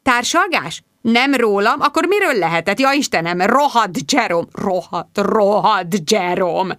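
A woman's voice: medium pitch, lively intonation, a bit bright, dry recording, close to an everyday voice. A woman voicing a heartbroken young man who wails theatrically and pities himself, in a dry, close reading. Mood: melodramatic. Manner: theatrical wailing, self-pitying.

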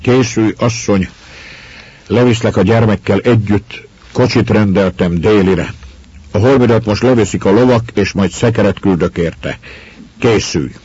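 A stern old landowner, gruff and used to being obeyed, as a male reader puts him on. He pushes out commands in a raised, hoarse-edged voice. The audio is a little muffled. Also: fairly low pitch, no room sound. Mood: commanding. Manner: commanding, shouting orders.

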